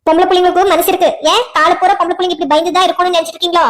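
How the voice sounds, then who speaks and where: Very high-pitched, fast-talking woman with a south Tamil accent. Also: little pitch movement. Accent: south Tamil Nadu dialect. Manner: fiery and scolding, fast retorts. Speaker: voice actor for a cartoon series. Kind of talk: cartoon drama voice acting.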